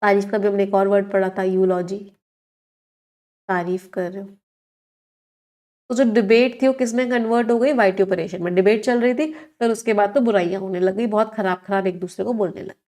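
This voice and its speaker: Brisk and steady, a woman's medium-pitched, darkish voice leads an exam-prep vocab lesson. The teacher blends Hindi with English to explain words and keeps asking the class questions.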